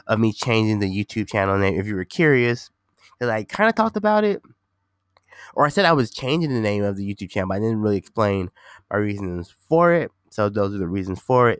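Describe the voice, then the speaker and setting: A man's voice: on the low side, clear, resonant tone, no echo, studio quality. A man hosting a casual solo podcast, rambling informally and repeating himself, sounding nasal and a bit congested from being sick. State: slightly sick with a stuffy nose. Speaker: podcast host and gaming streamer.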